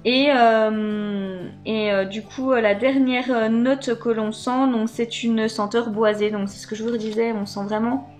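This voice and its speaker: A woman talks casually through a beauty box unboxing, full of little hesitations. Her voice sits a touch high, and soft music plays faintly underneath. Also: steady tone, unhurried. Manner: chatty, hesitant, many fillers. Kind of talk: casual unboxing chat to camera.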